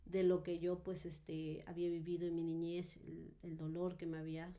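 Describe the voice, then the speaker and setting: A woman with a low, mellow voice and a gravelly edge tells her personal testimony in a podcast interview. She speaks earnestly and thoughtfully. She often hesitates with fillers and tag questions. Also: completely flat delivery, normal speed. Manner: earnest and reflective storytelling. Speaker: guest giving a testimony.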